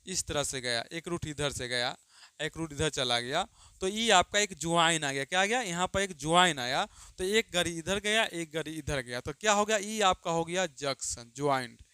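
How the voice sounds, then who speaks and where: A man with a high, bright, ringing voice teaching grammar, who keeps quizzing his students and answering himself. He draws out dictated examples slowly, calling everyone "babu". The sound is close and dry. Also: expressive, clear, resonant tone, dry recording. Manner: repeats questions and answers them himself, calls students "babu"; drawn-out dictation of example sentences. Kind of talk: Hindi grammar lesson.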